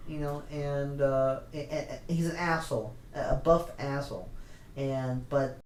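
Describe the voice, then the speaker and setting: A man co-hosting a casual chat podcast, excitable and full of stumbling restarts. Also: mid-range voice, a little slow. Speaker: podcast co-host. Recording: echoey room with faint hiss.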